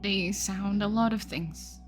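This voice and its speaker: A woman voicing a withdrawn, uneasy young woman who speaks in a hushed, breathy, hesitant way. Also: mid-range voice, fairly even intonation, slow, faint music behind, pitched below the performer's own voice, lightly acted. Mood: weary hushed.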